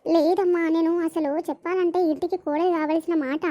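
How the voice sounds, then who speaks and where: A woman's voice: very high-pitched, fairly even intonation, a little fast, dark tone. A woman voicing a jealous, scheming young woman, with a complaining, resentful tone. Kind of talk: animated village comedy voicing.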